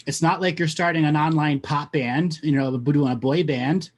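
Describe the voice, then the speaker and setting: A man's voice: on the high side, steady tone, normal speed. A man hosting a call-in show, giving spiritual readings to callers in a blunt, coaching manner.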